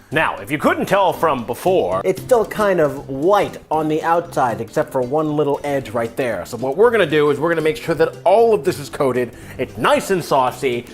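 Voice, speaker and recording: Tipsy higher-pitched man hosting a cooking video. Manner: tipsy, loose, rambling drunk delivery; irreverent, mildly profane. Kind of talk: casual comedic cooking lesson. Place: home kitchen.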